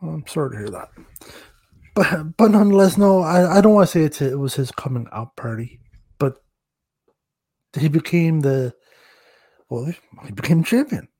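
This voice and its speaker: A man co-hosting a podcast, chatting casually with self-deprecating jokes and halting restarts. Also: on the high side, a little mellow, breathy edge, no room sound. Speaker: podcast co-host, referee.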